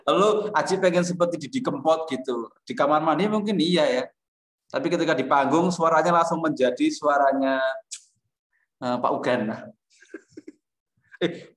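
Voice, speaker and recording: Joking male teacher in an echoey classroom. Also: fairly high pitch. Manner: joking, teasing students. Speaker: music teacher. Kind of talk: classroom lesson.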